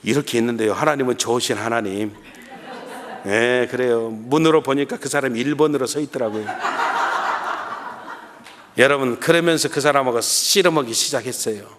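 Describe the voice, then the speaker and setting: At a revival meeting in a church sanctuary, a middle-aged guest pastor preaches, telling a story and animatedly acting out his own prayers, shouting and often addressing the congregation. He speaks at medium pitch and a moderate pace, pausing often, with long church reverb.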